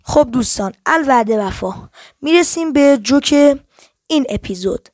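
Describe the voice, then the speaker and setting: A woman hosting a book podcast, reading a children's detective story aloud and speaking to listeners in a friendly, expressive way. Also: sits high, soft background music. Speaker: podcast host and book reader.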